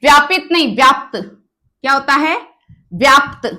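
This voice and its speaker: A woman's voice: high voice, normal speed, sharp tone. A woman teacher giving an exam-prep grammar lesson, repeating each word and quizzing her students on the right form.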